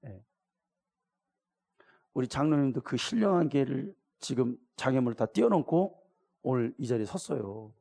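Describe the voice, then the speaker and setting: A man's voice: mid-range voice, lively intonation, moderate pace, creaky, long pauses, dark tone. A middle-aged man preaching a sermon as pastor, talking colloquially and questioning his congregation. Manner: acts out voices of the people in the story.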